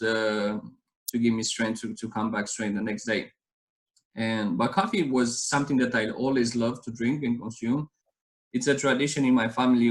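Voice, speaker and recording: A man in his thirties with a Romanian accent, chatting as a guest on an interview. His voice sits at an ordinary middle pitch. He tells his story earnestly and rambles, restarting his sentences often. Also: rough recording. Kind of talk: casual interview chat.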